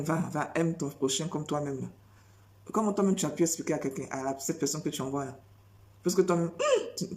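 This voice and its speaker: Prédicatrice à la voix grave et sombre. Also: female voice, low-pitched, dark tone. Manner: repetitive, rhetorical questions, emphatic. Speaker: preacher. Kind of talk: spontaneous preaching monologue.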